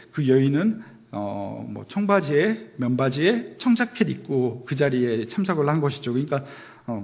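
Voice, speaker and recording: A man's voice: mid-range voice, darkish tone. A man in his thirties giving a sermon to young adults, telling stories in a casual, self-deprecating way. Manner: conversational storytelling, self-deprecating. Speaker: pastor.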